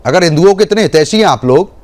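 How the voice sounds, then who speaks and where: A man's voice: on the high side, animated, quick pace, darkish tone. A man anchoring a heated TV debate, pressing panelists with confrontational questions.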